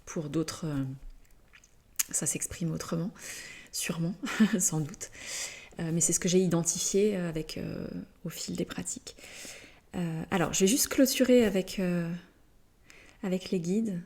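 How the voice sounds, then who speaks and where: A spiritual channeler with a lowish woman's voice delivers a very slow channeled message. She is hesitant and halting, full of fillers and pauses, gently searching for her words.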